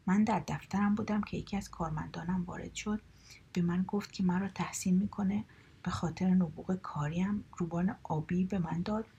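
A woman voicing a middle-aged company boss speaking tenderly to his son, in a husky, gravelly voice. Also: fairly low pitch, steady tone, warm tone, full character voice. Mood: heartfelt.

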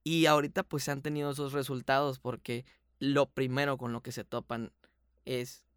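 A man's voice: mid-range voice, level tone, brisk, a bit bright, smooth, dry recording, clean studio sound. A man from Sonora with a Sonoran Mexican accent, a voice actor speaking earnestly and at length as an interview guest. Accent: Sonoran Mexican Spanish. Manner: earnest, grateful, explains at length. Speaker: voice actor and production manager, guest. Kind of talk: casual podcast interview.

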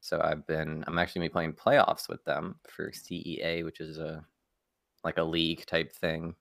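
Low gravelly young man, laid-back. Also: monotone, normal speed, fairly bright tone. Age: young adult. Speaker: collegiate esports player, guest. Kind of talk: casual podcast chat.

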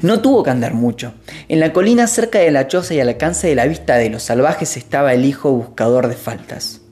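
Expressive storyteller, lively pitch. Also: brisk, soft background music. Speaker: narrator. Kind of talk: storybook reading.

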